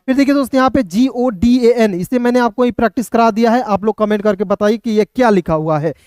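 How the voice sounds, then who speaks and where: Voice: mid-range voice, a little mellow, no echo, studio quality. Patient online teacher spelling words out. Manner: spells words out letter by letter, then reads them slowly; keeps addressing viewers as friends, asks and answers own questions. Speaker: English reading teacher.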